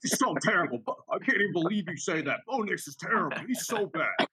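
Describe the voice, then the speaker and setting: Mocking whiny guy, high and scoffing, as a man puts it on. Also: big pitch swings, quick pace, sharp tone, husky, no room sound, heavily acted, poor audio. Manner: exaggerated mocking impression.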